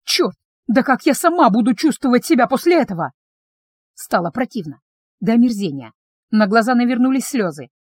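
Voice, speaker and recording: A woman's voice: on the high side, big pitch swings, normal speed, husky, dry recording. A woman narrating a novel in the first person as an audiobook reader, in an intimate, tense storytelling manner, close to the microphone.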